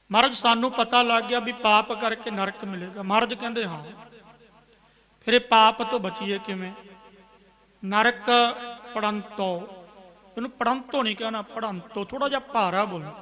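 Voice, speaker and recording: A Punjabi-accented man preaching a sermon, slowly chanting scripture verses and then explaining them in plain everyday talk. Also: sits high, fairly even intonation, bright, forceful tone. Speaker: Sikh preacher.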